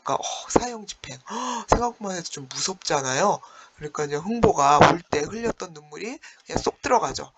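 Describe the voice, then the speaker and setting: A male teacher giving an online class lecture, retelling a story with animated exclamations. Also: on the high side, a little fast, hardly any pauses, heavy background noise.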